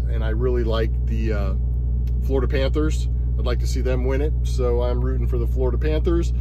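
A man's voice: mid-range voice, background noise. A man in his forties, a truck driver, chatting casually to the camera in a rambling, upbeat way with lots of fillers. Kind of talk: casual vlog chat. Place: inside a truck sleeper cab.

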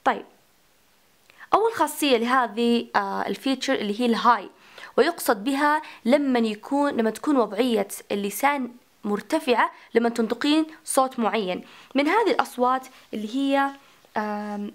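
Woman lecturer, slightly high voice, talks herself through questions. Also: fairly quick. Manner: mixes English terms into Arabic, asks and answers her own questions. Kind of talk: recorded phonetics lecture.

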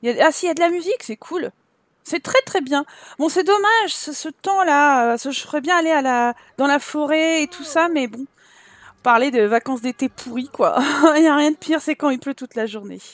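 A gameplay YouTuber, a young woman, chats casually over her let's play, talking to her characters and giggling often. Her high voice runs a little fast, and there's no room sound.

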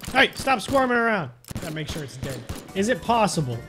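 With music under his voice, a young adult gaming host jokes his way through gameplay, playful, exclamatory, and mock-serious. He speaks a little fast in a high, sharp voice with big swings in pitch.

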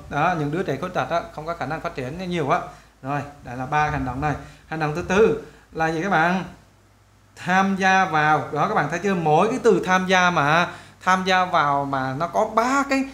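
A man teaching an English lesson on video, chatting to his students and slowly modeling words syllable by syllable. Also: high-pitched, a bit bright, reverberant.

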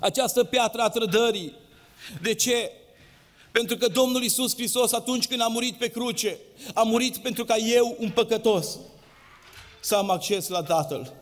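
Guy preaching a sermon, fairly high voice, singsong rise and fall, big echoey church hall. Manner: impassioned preaching, sing-song rises and drops. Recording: long hall reverb.

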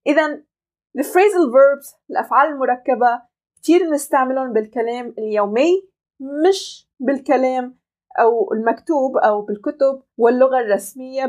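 A woman with a Levantine Arabic accent giving an online language lesson, explaining step by step and slowly modelling English phrases. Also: high-pitched, darkish tone. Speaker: English teacher.

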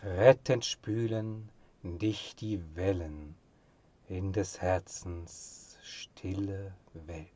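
A man with a deep voice reads literary poetry aloud with solemn, measured expressiveness, his phrase endings fading to a hush.

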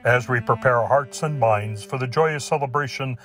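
A man's voice: mid-range voice, moderate pace. A man reading a formal scripted church announcement as a voice-over. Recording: voice-over with soft music behind. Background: soft instrumental music.

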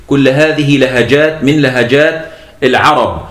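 A man's voice: medium pitch, normal speed, a bit bright. A man with an Egyptian accent teaching a lesson, explaining step by step and repeating key points for his students. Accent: Egyptian Arabic. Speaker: teacher of Quran sciences. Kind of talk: recorded lecture. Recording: echoey room.

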